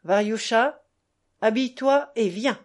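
A woman's voice: on the high side, sing-song, unhurried. Woman doing a solemn, stern old grandfather. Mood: solemn commanding. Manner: solemn, forceful. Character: stern old grandfather, commanding then pleading.

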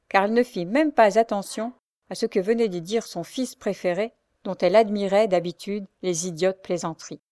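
A woman reading a novel aloud as narrator, in a measured, dramatic way. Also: medium pitch, dark tone, no room sound, studio quality. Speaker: audiobook narrator.

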